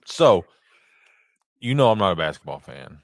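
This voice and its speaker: A man's voice: low voice, very animated, moderate pace, vocal fry. A man chatting casually as co-host of a podcast. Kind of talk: casual chat.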